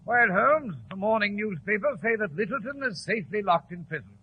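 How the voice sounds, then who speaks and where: An actor playing a genial, easily flustered English doctor and sidekick with a British accent, in an old radio drama. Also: male voice, high voice, lively intonation, fairly quick, husky. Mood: puzzled, affable. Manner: hesitant, fussy, affable. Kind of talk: 1940s radio drama acting and narration. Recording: muffled, lo-fi 1940s radio recording.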